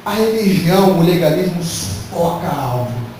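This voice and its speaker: A man's voice: on the high side, expressive, normal speed, a little mellow. A male pastor preaching a sermon, emphatic and full of rhetorical questions to the congregation. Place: church hall. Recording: very echoey hall from far off, faint noise.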